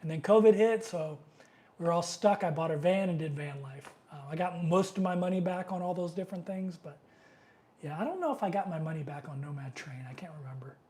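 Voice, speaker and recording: A middle-aged man with a cold sniffles while hosting a casual live Q&A stream, rambling loosely with plenty of fillers and reading viewer comments aloud. His voice is a little high and mellow, and he speaks briskly.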